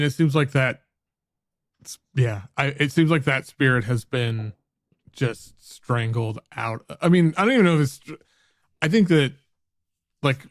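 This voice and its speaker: A man's voice: medium pitch, no room sound, studio quality. Hesitant man hosting a podcast. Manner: hesitant, trailing off, agreeable. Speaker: podcast host. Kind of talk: casual conversation.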